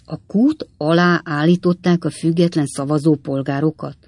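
A reader voicing Mr. Pickwick, an earnest, kindly elderly gentleman who asks and exclaims a lot, in a dry audiobook reading. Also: mid-range voice, steady tone, dry recording, natural voice. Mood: earnest, inquiring.

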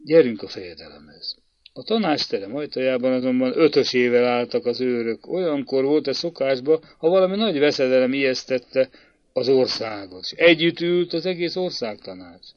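A man's voice: mid-range voice, no echo. Male storyteller reading a tale, dull dry sound. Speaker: narrator. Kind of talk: audiobook narration.

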